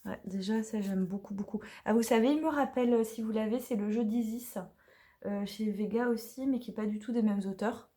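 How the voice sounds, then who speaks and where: A woman's voice: a little high, a little fast, dark tone. A woman casually unboxing and reviewing an oracle card deck, talking chattily with many hesitations and now and then dropping to a whisper.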